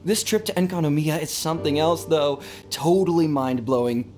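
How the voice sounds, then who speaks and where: Casting: actor for chipper young game soldier, male, slightly high voice, casual enthusiast. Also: moderate pace, darkish tone, a little hiss or hum, natural voice. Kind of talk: video game voice acting.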